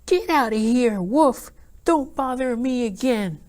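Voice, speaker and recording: A man voicing a rude, smug male pig who shouts back in a very high, snippy voice. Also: lively intonation, takes it slowly, full character voice.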